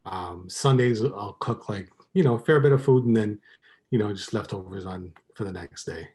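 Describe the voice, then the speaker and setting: A man's voice: lowish voice, normal speed, a little mellow. A man in his thirties from Trinidad, chatting casually as a podcast guest, rambling along with many ums and likes. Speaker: podcast guest, cooking YouTuber. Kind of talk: casual chat.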